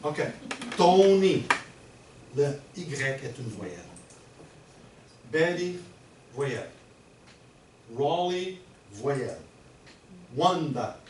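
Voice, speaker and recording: Middle-aged workshop presenter, patient and explanatory, recorded from afar in an echoey room with background noise. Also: male voice, mid-range voice, very animated, very slow, long pauses. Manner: explanatory, checks in often with the audience. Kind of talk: teaching a workshop. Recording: roomy and distant with background noise.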